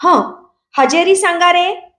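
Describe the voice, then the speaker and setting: A woman's voice: very high-pitched, slow pace, a bit bright, roomy sound, pitched above the performer's own voice, exaggerated voice. A woman voicing a young male village schoolteacher who calls out to his class, mild but firm. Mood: stern. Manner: calling out to a class of children.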